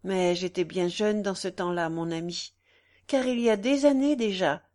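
A woman's voice: mid-range voice, normal speed, a little mellow, close to an everyday voice. A woman reading the part of a young wife defending herself, with pleading, earnest delivery.

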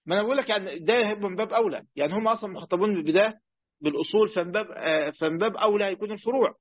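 A man's voice: high voice, racing, no room sound, narrow, tinny audio. A man with an Egyptian accent teaching a lesson on a religious text, chatty and full of questions to his students. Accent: Egyptian Arabic. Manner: conversational, asks students questions, many fillers. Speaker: teacher of Quran commentary. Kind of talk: classroom lesson explaining a text.

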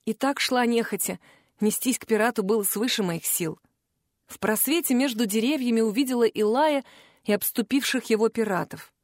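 A woman narrating a first-person audiobook in an expressive storytelling manner, close to the mic. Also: a little high, moderate pace, no echo.

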